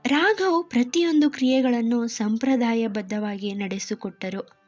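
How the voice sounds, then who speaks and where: A woman's voice: on the high side, unhurried. A woman narrating an emotional serialized family story in a heartfelt tone. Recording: muffled lo-fi with soft music.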